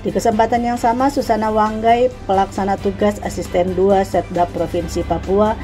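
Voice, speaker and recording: A woman narrating a regional news report in an even, formal reading voice. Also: mid-range voice, normal speed, over music. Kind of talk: scripted news voice-over.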